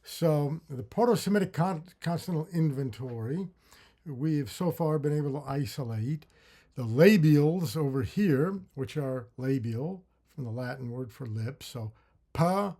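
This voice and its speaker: Guy teaching a class, slow and careful, pauses and restarts, says sounds out loud to show them. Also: medium pitch. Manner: slow, deliberate, with drawn-out syllable demos; thinks aloud with fillers and restarts. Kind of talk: lecture on phonetics with spoken sound demonstrations.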